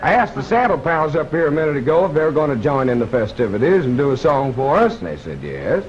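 A man's voice: fairly high pitch, lively intonation, quick pace, darkish tone. A man hosting a barn dance show, chatting folksily and teasingly between acts, in the dull sound of a 1950s TV broadcast. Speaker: show host and emcee. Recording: dull lo-fi old TV broadcast with faint hiss.

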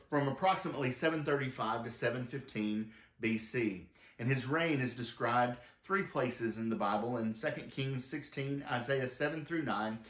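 A man's voice: medium pitch, a bit bright, roomy sound. A man, the pastor, preaching a sermon and reading long quoted passages from a book aloud. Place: church sanctuary.

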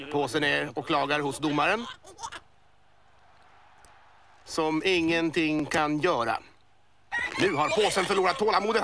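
A man voicing an excitable male boa snake who commentates a cartoon sports match, working up to yells at the goals. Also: on the high side, natural voice. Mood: amused. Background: music.

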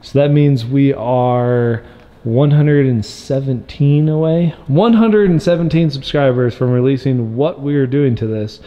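A man's voice: medium pitch, unhurried, in a large hall, muffled recording. A man hosting his own vlog, chatting casually and upbeat in a loose, rambling way with asides. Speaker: vlog host documenting a truck build. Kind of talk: casual video diary.

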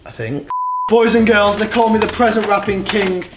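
A young man hosting a prank vlog, loud and teasing, often breaking into laughter. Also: high-pitched, steady tone, normal speed, echoey room. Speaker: vlogger host. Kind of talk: excitable prank vlog chat. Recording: music under voice.

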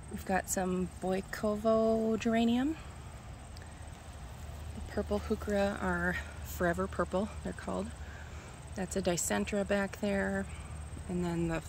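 Gravelly-voiced woman touring her garden outdoors. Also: mid-range voice. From Minnesota. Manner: relaxed, musing, often unsure of plant names. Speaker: gardener giving a garden tour. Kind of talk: casual walking garden tour. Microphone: phone camera held while walking. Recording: outdoor recording with loud insect noise. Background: crickets and insects.

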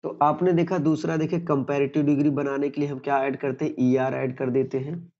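A man's voice: fairly high pitch, level tone, a little fast, warm tone, dull audio. A man teaching a grammar lesson, who keeps repeating points and asks questions he answers himself.

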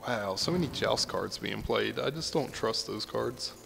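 A man's voice: on the low side, animated, measured pace, creaky, music in the background. A man commentating a card-game match, casual and musing, often trailing off and restarting a thought. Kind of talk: esports play-by-play commentary.

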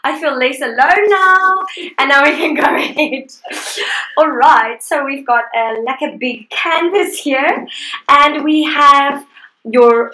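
A woman's voice: high-pitched, fairly bright tone. A young woman leading a live guided painting class over a video call, chatty and upbeat, laughing often. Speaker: art instructor. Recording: echoey room.

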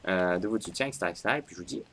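A man giving excitable gaming commentary, talking to his viewers and bursting into yelps and laughter. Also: low-pitched, very fast. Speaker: gaming YouTuber.

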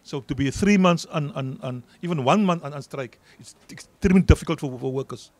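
Fielding interview questions at an outdoor garden event, a middle-aged South African union leader with an Afrikaans accent talks briskly and earnestly into a handheld mic, repeating words for emphasis. His voice is fairly high and a little mellow, with no room sound.

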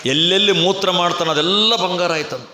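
A man's voice: sits high, normal speed, sharp tone, a little hiss or hum. A man giving a religious discourse at a temple fair, telling the story dramatically and acting out the characters' lines. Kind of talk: sermon storytelling. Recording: echoey hall with music behind.

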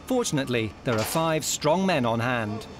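A man's voice: medium pitch, expressive, normal speed. A man reading scripted narration as the narrator of a documentary. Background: loud background music.

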